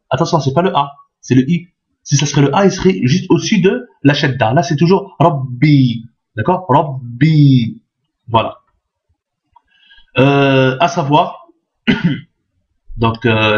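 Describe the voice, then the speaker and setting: A man teaching an Arabic reading lesson, patient and repetitive, checking often that the learners follow. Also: a little high. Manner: patient, repeats each point, checks with "d'accord?". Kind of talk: step-by-step language lesson. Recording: dull lo-fi sound.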